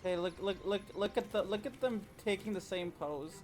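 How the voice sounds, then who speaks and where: A man hosting a gaming stream, excitable and jokey, swearing now and then. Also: sits high, moderate pace. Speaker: streamer and host. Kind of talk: casual gaming chat. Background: game music.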